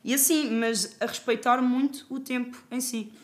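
A woman's voice: a little high, steady tone, moderate pace. A young woman speaking as a podcast guest in casual conversation, open and reflective, with lots of fillers.

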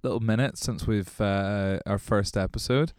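Low-voiced podcast co-host. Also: male voice, moderate pace, clean tone, no room sound, studio quality. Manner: rambling, relaxed, full of fillers. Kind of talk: casual chat. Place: small podcast studio.

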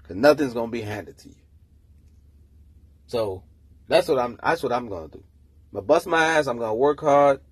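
A man's voice: medium pitch, moderate pace, pauses often, breathy edge, dry recording. A man hosting his own podcast, ranting casually and telling a story with lots of swearing. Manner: profane, animated storytelling. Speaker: podcast host. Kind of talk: casual solo rant. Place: room, early morning.

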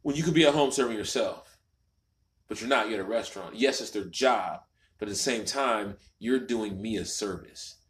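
Lower-voiced man in casual chat. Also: moderate pace. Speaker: podcast co-host. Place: home garage.

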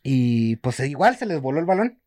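Twenty-something mexican guy, teasing and laughing a lot, lively voice, dry mic. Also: medium pitch, normal speed, no echo. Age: 20s. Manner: laughing, slangy, playful teasing. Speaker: podcast co-host. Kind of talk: casual chat.

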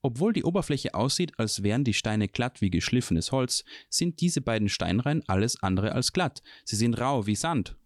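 A man's voice: mid-range voice, big pitch swings, moderate pace, hardly any pauses, no echo, clean studio sound, voice pushed up. A man voicing a young male apprentice mage, anxious and puzzled, in a raised and searching tone for a fantasy audiobook.

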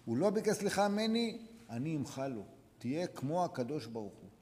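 A man, a rabbi, teaching a religious lesson to students, urging them on with repeated short commands and sudden swings between quiet and loud. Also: a little high, big pitch swings. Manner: exhorting, repetitive, sharp swings from soft to loud. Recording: long hall reverb.

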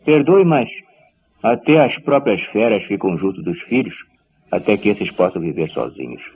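An actor with a Brazilian accent playing a stern, protective and persuasive brother in a radio soap opera, speaking with theatrical emphasis. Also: male voice, on the low side, animated, moderate pace, a little mellow, slightly rough, poor audio. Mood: reproachful. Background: music.

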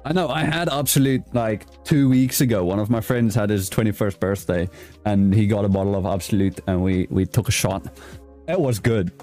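A young man hosting a casual chat show, talking in a playful, halting way that often stops to correct himself. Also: on the low side, darkish tone, faint music behind. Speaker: podcast host. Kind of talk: casual chat, stumbling through a read-out outro.

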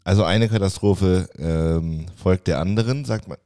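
Low, dark-voiced man venting frustration. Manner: frustrated venting, quick rambling restarts. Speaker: podcast co-host. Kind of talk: casual podcast chat. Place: office.

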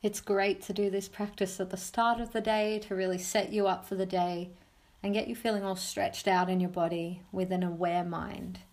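The host of a mindfulness podcast, a woman, offers gentle guided meditation instructions using plain, encouraging language and leaving pauses as she goes. Her voice has a medium pitch, a level tone, and a darkish color.

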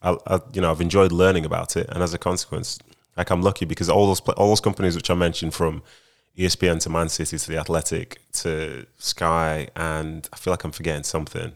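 A man's voice: low-pitched, little pitch movement, fast talker, gravelly. A young man, a retired footballer now in broadcasting, answering interview questions in a laid-back, rambling way.

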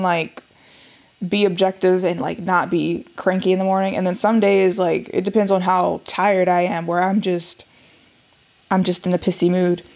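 A woman's voice: medium pitch, a little mellow. Brief: a woman podcast host with a mid-range voice, chatty and filler-heavy, casual recap talk. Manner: chatty, full of "like" fillers and asides. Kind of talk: casual chat.

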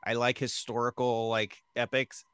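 Bright, clean, and mid-range, this man's voice comes through with a flat delivery at normal speed and no room sound. He's a Midwestern American co-host of a movie podcast, casually joking around and often breaking into silly fake accents.

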